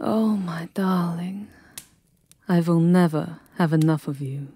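Woman as a languid, low-voiced vampire countess. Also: slow pace, warm tone, slightly rough, no echo. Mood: tender, languid. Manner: languid, aristocratic, commanding. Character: imperious, seductive vampire countess, possessive lover. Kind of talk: dramatic ASMR roleplay acting.

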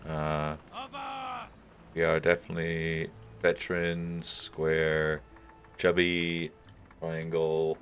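A man's voice: a bass voice, completely flat delivery, extremely slow, pauses often, a bit bright, a little hiss or hum. A man casually commenting on his gameplay, thinking aloud as he picks options and chuckling now and then. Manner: thinking aloud, musing over choices with chuckles. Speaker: gaming video host.

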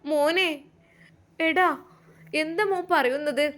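A woman's voice: slow pace, fairly bright tone. A woman voicing an anxious, emotional middle-aged mother in a storybook tale. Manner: anxious, pleading, high-strung.

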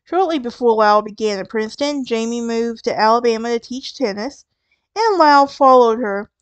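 A woman's voice: a little high, normal speed, smooth, no room sound, dull audio. A woman with a Southern US accent, narrating a true crime podcast in a conversational way, with wry asides and restarts. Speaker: podcast host.

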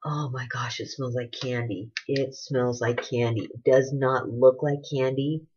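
A beauty vlogger in her forties rambles casually between products in a home haul video, gushing over each one from her living room. Her very deep voice is steady, a little slow, a little mellow and slightly rough. Dull, noisy lo-fi sound comes from a desk-distance webcam.

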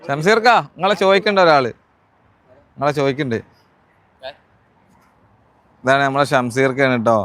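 Greeting his viewers and repeating phrases and questions, this live-stream vlogger from Kozhikode in Kerala, India talks casually with a Malabar Malayalam accent. His medium-pitched voice is expressive and fairly bright, at a normal speed with frequent pauses.

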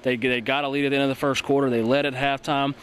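A man's voice: medium pitch, flat delivery, fairly bright tone, a little hiss or hum. A young male sports broadcaster giving earnest post-game analysis into a handheld mic in an empty arena. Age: young adult. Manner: rapid, earnest, many fillers and restarts. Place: empty indoor basketball arena. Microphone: handheld mic held by co-host.

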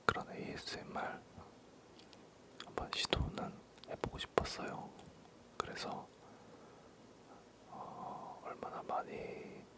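Softly repeating words and halting as he goes, a man whispers a meandering ASMR talk. As an ASMR creator, he keeps his low voice breathy and barely audible.

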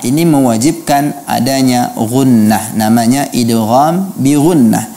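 A man judging a Quran recitation contest, giving careful feedback and slowly chanting words to show the right pronunciation. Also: on the high side, mellow. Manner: deliberate, slowly chants Arabic words to model them.

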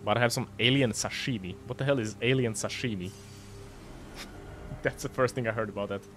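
A young Croatian-accented streamer with a medium-pitched voice commentates his game live through a headset, talking at a moderate pace over soft background music. He's excitable, swearing and laughing as he fights bosses while reading chat from his home streaming room.

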